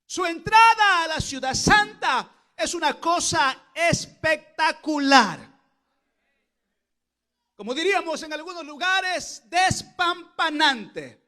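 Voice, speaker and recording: A man pastor delivering an impassioned Pentecostal sermon at a church service, often rising into shouted exclamations. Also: very high-pitched, expressive, slow.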